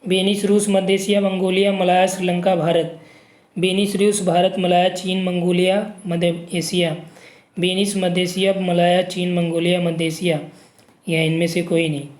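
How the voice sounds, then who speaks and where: A man's voice: high voice, little pitch movement, normal speed. Man teaching exam prep, echoey room. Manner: reads options aloud, frequent "ठीक" checks. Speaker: geography teacher.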